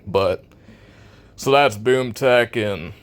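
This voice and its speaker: A man's voice: mid-range voice, drawn-out words. An American man in a casual, opinionated rant about a video game, blunt, cynical and sarcastic in his complaints.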